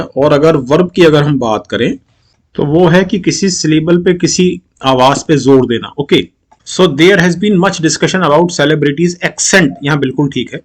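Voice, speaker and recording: Middle-aged Indian man, exam-prep tutor, slightly high-pitched, mixes Hindi and English, reads examples slowly. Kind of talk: explaining grammar questions in a video lesson.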